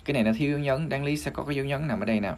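A man with a Vietnamese accent teaching English pronunciation on a livestream, spelling out sounds one by one and repeating each word slowly. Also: mid-range voice. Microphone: phone or desk mic on a livestream.

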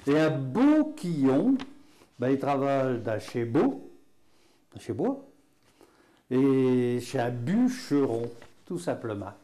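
A man's voice: medium pitch, very animated, takes it slowly, pauses often, warm tone. A man with a Picard accent teaching patois words in a folksy, chatty way, full of fillers and chuckles. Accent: Picard (Hainaut). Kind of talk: casual spoken lesson.

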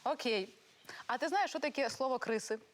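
A woman hosting a morning TV show, bantering briskly with her co-host. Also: high-pitched. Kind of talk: studio TV chat.

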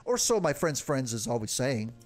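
A man's voice: mid-range voice, very animated, normal speed, soft background music, close to an everyday voice. A man reading game dialogue aloud, voicing a lovesick, nervous young male village guard who keeps blurting things and covering them up. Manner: flustered, blurting then covering up.

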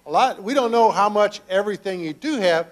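An older man, a pastor, gently questioning children during a children's sermon in a church sanctuary. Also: high-pitched, animated, a little fast. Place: church sanctuary, children seated around him.

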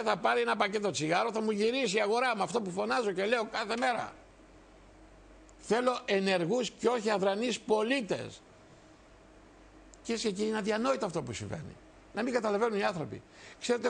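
Older male TV host, 60s, gravelly, fiery, repetitive political speech to camera. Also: high-pitched. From Greece. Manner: emphatic, repetitive, addresses viewers directly. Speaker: TV show host and party leader. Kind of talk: impassioned political monologue.

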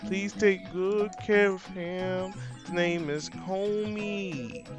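Man putting on a raised, gentle pet keeper. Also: high-pitched, fairly even intonation, drawn-out words, over music, voice pushed up. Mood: mock-sweet.

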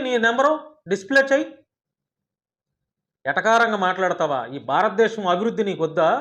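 A male journalist and YouTuber, delivering a combative, heated rant at a critic full of rapid-fire rhetorical questions. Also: extremely high pitch, a bit bright, highs cut off.

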